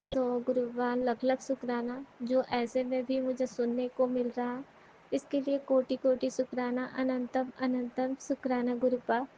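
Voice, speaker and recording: Woman devotee sharing a satsang, high and fairly even voice, earnest address, dull lo-fi take. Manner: earnest, repeatedly addresses the listeners. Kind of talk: devotional testimony. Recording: dull lo-fi recording with faint noise.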